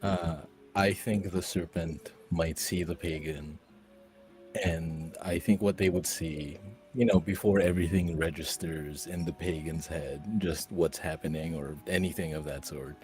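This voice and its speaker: Man, deep voice, casual tabletop player, describing game scenes, faint music behind. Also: steady tone, measured pace, darkish tone.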